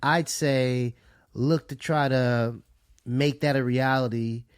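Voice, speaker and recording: Calm advice-giving podcast man, dry sound. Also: medium pitch, slow pace, clean tone, dry recording. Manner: calm, reasoning advice with "you know what I'm saying". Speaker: podcast co-host.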